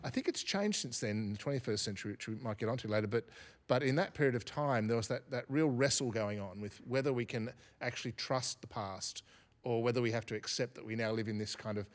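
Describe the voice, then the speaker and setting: A man speaking as a guest academic in an interview, reflective and unhurried, often restarting his sentences. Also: mid-range voice. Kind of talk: thoughtful podcast interview.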